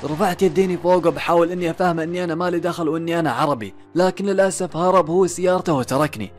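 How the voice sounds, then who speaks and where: A man narrating a first-person horror story, building suspense with dramatic pauses and questions to himself. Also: fairly high pitch. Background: faint background music.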